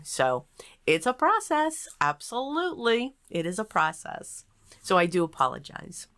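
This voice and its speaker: A woman hosting a card-making tutorial, chatting and thinking aloud as she works at a small table, her voice echoing in a nearly empty craft room. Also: sits low. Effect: echo from a mostly empty room. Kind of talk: step-by-step craft tutorial narration.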